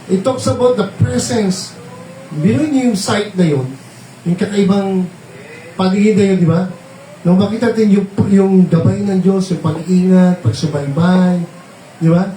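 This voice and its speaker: High-voiced man preaching in a roomy hall. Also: dark tone, slight background noise. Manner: mixes Tagalog and English, frequent tag questions. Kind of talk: sermon. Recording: roomy, distant mic, faint ambience.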